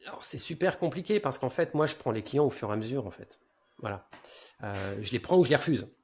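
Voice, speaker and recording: A man in his forties, appearing as a guest consultant on a casual podcast, explains things at length in a low-key, advisory tone, frequently letting his sentences trail off. He sounds expressive, brisk, and a little mellow.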